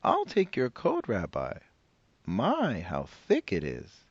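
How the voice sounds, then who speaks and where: A man voicing a kindly, fussing old grandmother in a bright, sing-song voice. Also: on the low side, wildly swooping pitch, takes it slowly, breathy edge, no room sound, dull audio, pitched above the performer's own voice, heavily acted. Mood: cheerful.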